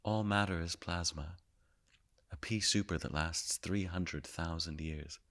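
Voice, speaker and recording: An actor playing the Higgs boson as a calm, all-knowing narrator, telling his story in a measured way and sinking often into hushed whispers. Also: deep voice. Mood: hushed awe. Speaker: actor performing a stage monologue. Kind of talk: theatrical monologue.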